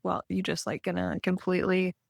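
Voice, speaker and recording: A Canadian woman speaks in a fairly low, gravelly voice with fairly even intonation, going a little fast, and there's no echo. She's a client in a healing session, talking candidly and casually, rambling and reflecting on herself while saying "like" a lot.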